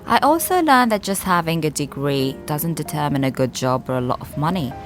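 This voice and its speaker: Lady doing documentary voiceover, lowish voice, bouncy intonation, soft music under it. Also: animated, brisk. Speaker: documentary narrator. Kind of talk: scripted voice-over narration.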